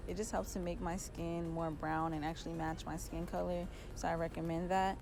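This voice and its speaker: A young woman talking casually through a makeup tutorial and telling a story in a chatty, animated way. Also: fairly low pitch, brisk, music in the background. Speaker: beauty vlogger.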